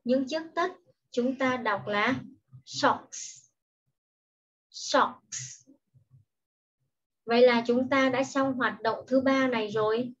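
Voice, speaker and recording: This is a slow, patient online English lesson for young children, given by a primary school teacher with a fairly high, slightly husky voice. She goes very unhurriedly, explaining every word and then carefully saying it in English, often twice, and the recording is dull and lo-fi.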